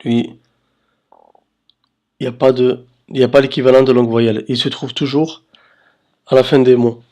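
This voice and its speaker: A man teaching Arabic letters in a slow voice-over lesson, patiently checking understanding and drawing out syllables. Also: mid-range voice, little pitch movement, dark tone. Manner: drawls syllables slowly for demonstration. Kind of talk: slow screen-recorded lesson.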